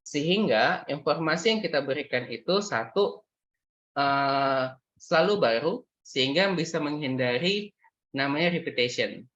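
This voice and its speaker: A man's voice: a little high, expressive, measured pace, a bit bright, dull audio. A man explaining exam speaking skills in a workshop lecture, mixing English terms into his talk with frequent fillers and hesitations. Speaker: IELTS speaking tutor.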